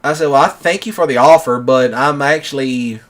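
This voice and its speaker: A gaming channel host in his thirties tells a long personal story in a casual monologue, rambling and packing it with fillers like many "you know"s. His voice is mid-range with a fairly bright tone, at a moderate pace.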